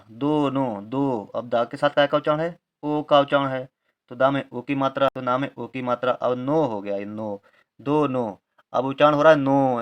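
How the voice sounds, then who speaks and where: Guy teaching handwriting, slow and patient, goes letter by letter. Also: medium pitch, fairly bright tone. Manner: slow, careful, explaining step by step. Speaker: Hindi writing teacher. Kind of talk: handwriting lesson.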